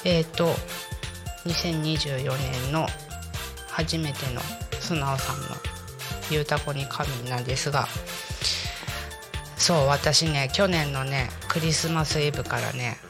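A woman's voice: sits low, steady tone, slow pace, pauses often. A woman hosting a community radio talk show in a conversational way, her voice nasal and stuffed up from a cold. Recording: music bed behind the voice. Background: music.

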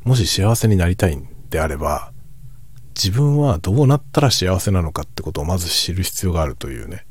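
Hushed, husky, very low-pitched man. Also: sing-song, no echo. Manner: reflective, musing, unhurried soft-spoken delivery. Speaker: host of a late-night chat for falling asleep. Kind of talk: hushed, low-voiced casual late-night chat.

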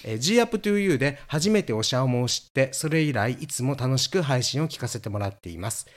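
A man's voice: mid-range voice, fairly quick. A middle-aged man co-hosting a podcast, telling stories in a camp, playful way. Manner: camp, playful storytelling with animated swings. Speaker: podcast co-host. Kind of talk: casual chat.

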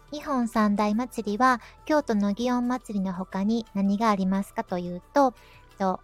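A woman's voice: mid-range voice, darkish tone. Kansai-accented woman, polite podcast host. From Kyoto, Japan. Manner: polite Kansai dialect mixed with standard intonation. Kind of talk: casual but polite solo podcast talk.

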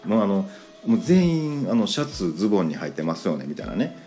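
Lively low-voiced man with Kansai accent. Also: quick pace, faint music behind. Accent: Kansai Japanese. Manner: animated, acts out quoted lines in a higher voice. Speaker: podcast host. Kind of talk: casual storytelling monologue.

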